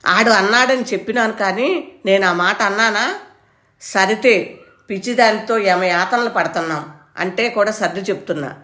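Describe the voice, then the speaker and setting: A sharp, complaining village mother, as a woman narrator puts her on, quarrelsome and quick to argue. The reading has a roomy echo around it. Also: mid-range voice, close to an everyday voice.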